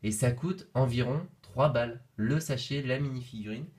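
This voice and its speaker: A man's voice: medium pitch, normal speed, a little mellow. A young man talking casually while unboxing toys on camera, playful and jokey, rambling with fillers and asides. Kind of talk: casual chat.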